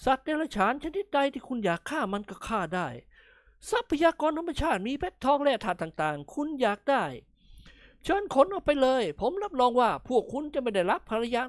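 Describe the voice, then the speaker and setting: A woman's voice: high voice, big pitch swings, brisk, no room sound, studio quality, voice pushed up. A woman voicing a brash forest bandit chief. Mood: fawning. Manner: brash then fawning, polite particles. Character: boastful grown male forest bandit chief, wheedling. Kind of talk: audiobook character reading.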